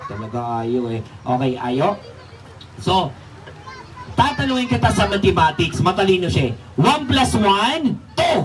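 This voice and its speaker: A young man hosts a comic ventriloquist act at a children's party, teasing his puppet in a high, lively voice. He is heard from a distance, with loud noise from the event all around. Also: a little slow. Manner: playful, teasing, addressing the audience. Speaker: ventriloquist entertainer. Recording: distant mic, noisy live event.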